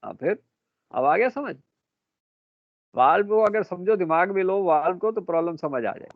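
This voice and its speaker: A man's voice: high-pitched, lively intonation, moderate pace, no echo. A middle-aged man, lecturing a class and quizzing his students, calling them beta and bhai. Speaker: marine engineering teacher. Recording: dry tinny phone-like classroom recording.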